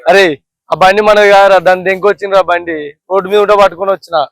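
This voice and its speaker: A man's voice: sits high, level tone, very fast, no echo, low-quality recording. A young man, acting in a village comedy sketch, reassuring his friend. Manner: reassuring, brushing off worry. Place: outdoors in a village.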